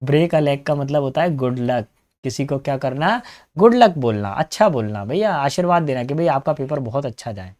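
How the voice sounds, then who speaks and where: Brief: male exam-prep teacher, mid-pitched, lively and coaxing with students. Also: normal speed. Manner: lively, coaxing, calls students beta and bhaiya. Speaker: English teacher.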